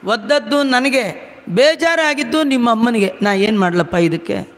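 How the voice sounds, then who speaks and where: A weary, gentle god grumbles about his troubles in a high, plaintive voice, as a preacher puts him on in a sermon. The words carry a long hall echo. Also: lively intonation, normal speed.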